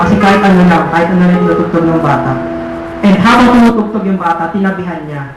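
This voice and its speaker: High-voiced preacher in a very echoey hall. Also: male voice. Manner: switches between Tagalog and English, asks the crowd "diba?" again and again. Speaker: youth fellowship preacher. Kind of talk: sermon. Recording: echoey hall with guitar music behind.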